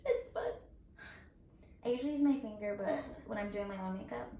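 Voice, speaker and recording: A woman's voice: mid-range voice, fairly quick, creaky, warm tone, echoey room, lo-fi sound, a little hiss or hum. A woman co-hosting a casual chat while doing makeup, giggling often. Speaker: co-host.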